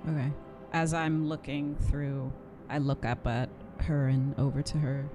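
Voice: medium pitch, level tone, measured pace, music in the background. Player with brief dry remarks. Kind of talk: tabletop role-play.

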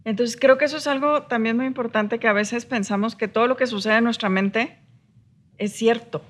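A woman's voice: on the high side, steady tone, normal speed. A woman co-hosting a podcast, explaining ideas reflectively and ending points with rhetorical tags. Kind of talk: casual podcast conversation.

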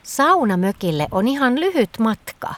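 A woman voicing an eager, excitable little girl in a children's story, who talks in bursts of excited squeals. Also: a little high. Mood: whispering.

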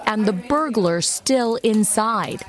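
A woman's voice: mid-range voice, expressive, slow pace. A woman reporter narrating a scripted television news package.

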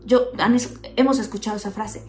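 A woman telling a story in casual chat, expressive and explaining things to her listeners. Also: a little high, brisk, echoey room, soft background music.

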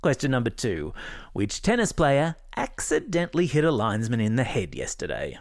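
A man's voice: mid-range voice, huge pitch swings, moderate pace, loud music behind the voice. An Australian man hosting a kids' news podcast, reading scripted stories in an upbeat, playful way with jokey asides.

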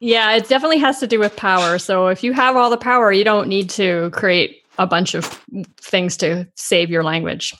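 A woman with a Canadian accent hosting a podcast, chatty and quick to laugh, often correcting herself mid-sentence. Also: medium pitch, a bit bright, rough recording. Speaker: podcast host. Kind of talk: casual podcast chat.

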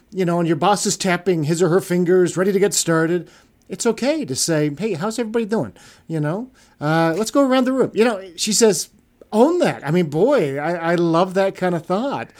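A man's voice: high-pitched, brisk, a little mellow. A man co-hosting a podcast, talking earnestly in casual chat with many restarts. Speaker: podcast co-host.

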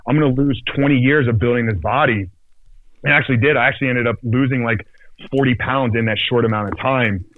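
Male guest, mid-range voice, halting storyteller with many restarts; dry, phone-like sound. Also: medium pitch, steady tone, a little hiss or hum. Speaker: podcast guest. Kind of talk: casual personal storytelling.

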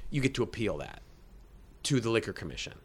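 A man's voice: lowish voice, very animated, fast talker, slightly rough. A man in his mid-fifties, a guest in a casual interview, rambling through explanations with many restarts. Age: 50s. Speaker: guest, state agency head.

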